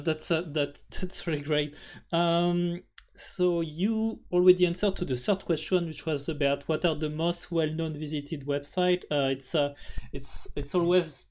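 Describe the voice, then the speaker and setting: French-accented male host, higher pitch, courteous, double-checks facts, call audio. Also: moderate pace, darkish tone. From France. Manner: polite, checks details by asking back. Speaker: interviewer. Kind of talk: casual online interview. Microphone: video call.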